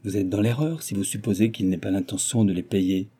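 A man's voice: fairly low pitch, brisk, mellow, breathy edge. A man voicing a frivolous, petulant society wife who defends her spending peevishly. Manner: peevish, self-justifying.

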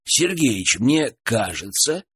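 Brief: male reader doing an easygoing sidekick, husky. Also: mid-range voice, sing-song, slow pace, a bit bright, full character voice. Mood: casual.

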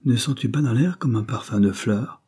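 A man voicing a terrified male bandit captain who begs and cries out, frantic and rising in pitch. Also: moderate pace, warm tone, breathy edge. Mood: drowsy dread.

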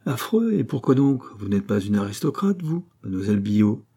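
A man's voice: on the low side, very animated, fairly quick, creaky, warm tone, slightly rough, full character voice. A man reading an audiobook voices a proud young peasant who declaims his exploits with emphatic pride. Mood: boastful.

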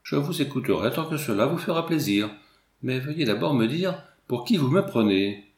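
A man's voice: mid-range voice, expressive, moderate pace, echoey room, lightly acted. A man voicing a young landscape painter who speaks politely but warily, in a storybook reading. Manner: polite, guarded. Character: young male landscape painter, reserved, wary.

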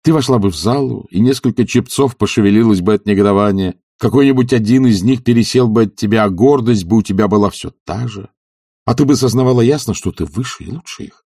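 A brooding young nobleman presses his case in an earnest, searching way, as a male narrator reads him. The voice is low and gravelly. It sounds close and dry. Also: quick pace, mellow, dry recording. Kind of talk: audiobook character reading.

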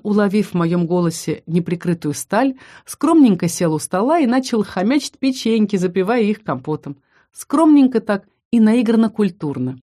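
A woman reading a first-person fantasy audiobook in a lively, expressive storytelling manner. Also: medium pitch. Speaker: audiobook narrator.

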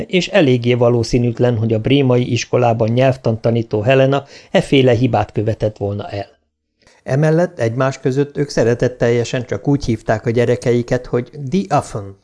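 A man reading a science fiction audiobook in an even, clear narration. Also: mid-range voice. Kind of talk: scripted narration.

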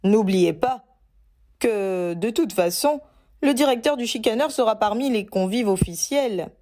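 A woman voicing a calm older wizard father who gently reminds the others. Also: a little high, a little slow. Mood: reminding.

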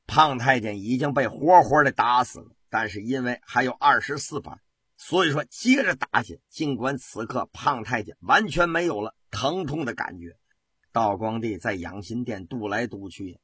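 A man telling a traditional story on the radio with dramatic, rhythmic delivery and drawn-out particles. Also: medium pitch, fairly bright tone, breathy edge, dry recording. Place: radio studio.

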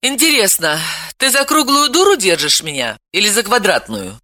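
A woman's voice: mid-range voice, sing-song, moderate pace, sharp tone, no echo, pitched above the performer's own voice. A woman reading an audiobook, voicing a curt, sardonic middle-aged woman. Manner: dry, sarcastic, curt. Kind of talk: audiobook character voice.

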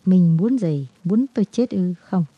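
A woman's voice: fairly low pitch, animated, unhurried, breathy edge, no room sound. A woman reading the lines of a young married woman torn between duty and love, lamenting and tearful. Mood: anguished. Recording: dull, dry lo-fi recording.

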